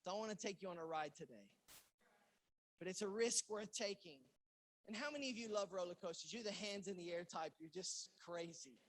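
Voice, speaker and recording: Animated storytelling male pastor from England. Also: high voice, a little fast. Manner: animated storyteller who acts out quoted lines with loud outbursts. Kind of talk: sermon storytelling. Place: church in Los Angeles.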